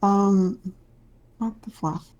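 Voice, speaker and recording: A woman improvising narration as a tabletop game master, with a hesitant, halting delivery. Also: mid-range voice, darkish tone, highs cut off.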